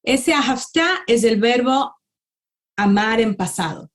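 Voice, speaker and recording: Woman teaching a lesson, a bit high-pitched, breaks words down slowly, keeps asking ok?. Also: animated. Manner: explains step by step, checks in with "ok" and "¿no?"; slows down to sound out words. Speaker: Hebrew teacher. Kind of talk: conversational language lesson.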